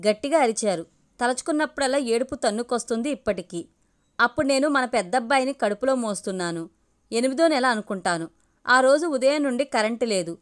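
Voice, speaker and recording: A woman reading a first-person story aloud in a steady, intimate way. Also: a little high, a little fast. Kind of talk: scripted story narration.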